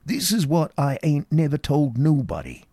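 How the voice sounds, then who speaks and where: A frantic old man, rambling in thick country dialect, voiced by a man reading aloud. His voice is gravelly and swoops high and low. It sits close and dry. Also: big pitch swings, moderate pace, dark tone, no echo, exaggerated voice. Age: older. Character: wild-eyed terrified old male drunkard. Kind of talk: dramatic reading.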